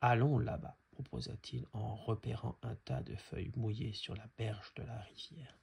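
Man reading a children's story aloud, hushed, very raspy and gravelly. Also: fairly low pitch, fairly even intonation, moderate pace. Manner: hushed, half-whispered narration. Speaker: storybook reader.

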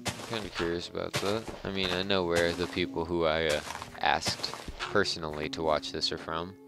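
A man's voice: low voice, level tone, normal speed, vocal fry, background noise. A man giving casual, rambling gameplay commentary with a harsh voice, joking and chatting with his viewers. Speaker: let's play host.

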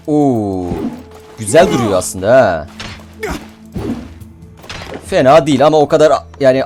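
A young man giving casual gameplay commentary as a channel host, excitable, swearing and shouting when frustrated. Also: mid-range voice.

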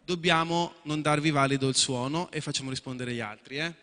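Bright-voiced man hosting a quiz. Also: on the high side, a little fast. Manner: chatty, repeats and restarts, asks for agreement. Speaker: quiz show host. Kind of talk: explaining game rules to contestants. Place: event hall with contestants. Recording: echoey hall.

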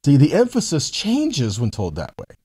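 A man in his forties teaches from the Bible to camera in a conversational, emphatic sermon, reading verses aloud and posing rhetorical questions. His voice is on the high side, with wildly swooping pitch, a mellow, breathy edge, and a normal speed.

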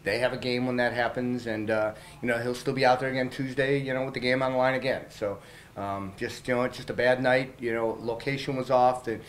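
Candid baseball manager talking to reporters. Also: male voice, medium pitch, slight background noise, low-quality recording. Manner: candid, conversational, many fillers and restarts. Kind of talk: post-game press interview. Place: small press room in front of a logo backdrop. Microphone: several handheld reporter mics held up close.

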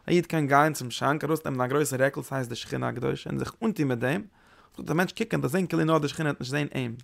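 A man's creaky, medium-pitched voice, recorded with no echo, carries a Kabbalah lesson he gives as a Torah teacher. He speaks haltingly, frequently repeating words and restarting his phrases.

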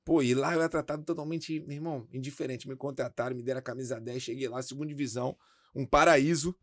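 A fast-paced male interview guest, in his forties. He talks in a frank, slangy way, swearing freely. The sound is dry and close, with no room echo. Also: mid-range voice, fairly even intonation. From Brazil. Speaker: interview guest, former footballer. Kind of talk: casual interview chat.

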